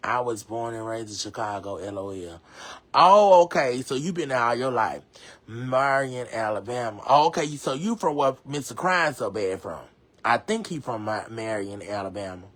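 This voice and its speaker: A man casually reading viewer comments aloud on a live stream, chatty and slangy, reacting loudly and laughing. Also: fairly low pitch.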